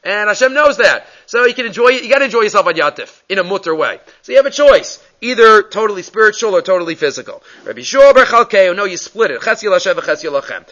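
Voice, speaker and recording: High, bright-voiced man teaching Talmud. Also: fast talker, hardly any pauses, lo-fi sound. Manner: explains text phrase by phrase, asks rhetorical questions; lively, acts out the characters' reactions. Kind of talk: Talmud class lecture.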